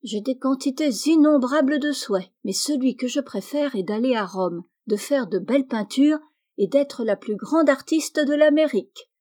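A proud young girl with big artistic dreams, voiced by a woman reading, lofty and eager. Her voice rides noticeably higher than the narration, warm and mellow. A storybook reading. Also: animated, normal speed.

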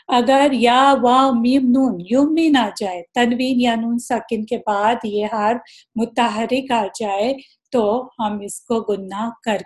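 A woman leads a recitation lesson in a slightly high voice. She explains each rule patiently and slows down to demonstrate the examples. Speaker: Quran recitation teacher. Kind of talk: tajweed lesson.

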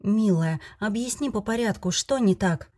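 A woman voicing a gentle, puzzled male lord who speaks softly and soothingly. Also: medium pitch, moderate pace, natural voice. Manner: soft, soothing and reasoning.

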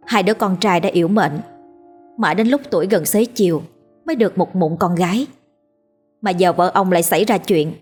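A woman narrating a ghost story in a steady, scripted storytelling manner. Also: mid-range voice, husky.

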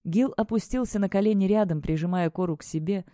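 This is a steady, measured audiobook narrator with a mellow, dark tone. The mic is close and dry. Each line is read with even control. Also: mid-range voice, no room sound.

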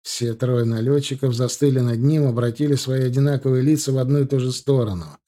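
A man narrating an audiobook in an even, steady way. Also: medium pitch, brisk.

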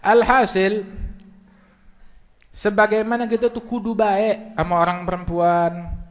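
A man's voice: sits high, level tone, measured pace. A preacher speaks to a live audience in a slightly raised voice. His talk is colloquial and joking, told as a story more than a lecture. He holds the room with an easy, humorous delivery. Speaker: Islamic preacher. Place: religious gathering with live audience, filmed.

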